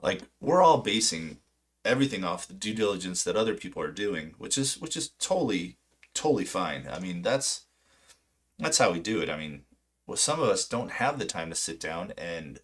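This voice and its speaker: This amateur retail trader, late thirties, chats loosely on his livestream, hesitating, rambling and poking fun at himself. Polish until age seven and raised after that in southern California, he has a deep voice with a bit of brightness.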